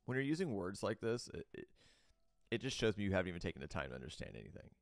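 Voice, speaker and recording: A man's voice: low-pitched, sing-song, rapid-fire, vocal fry, dry recording, clean studio sound, faint music behind. A man hosting a show, reading crypto news aloud and breaking into blunt, opinionated rants, with loose fillers and restarts. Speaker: host.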